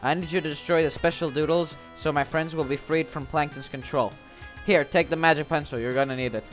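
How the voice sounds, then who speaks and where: A man acts out a plucky young cartoon game hero. He sounds earnest and determined, a touch high in pitch, over faint music. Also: steady tone, a little fast, close to an everyday voice. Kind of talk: acted reading of cartoon game dialogue.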